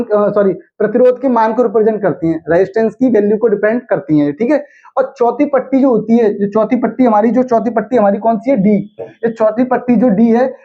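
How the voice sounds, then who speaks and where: Male teacher, young adult, high voice, repeats points as questions, dull muffled sound. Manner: slow sing-song chanting of mnemonics. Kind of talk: classroom lecture.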